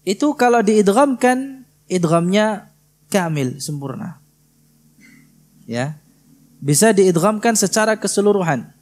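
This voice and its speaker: A man from Indonesia teaching Quran recitation in a prayer hall, patiently drilling and gently correcting students. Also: sits high, animated. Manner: slow, patient, drills students by repeating syllables. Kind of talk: tajwid lesson with live correction.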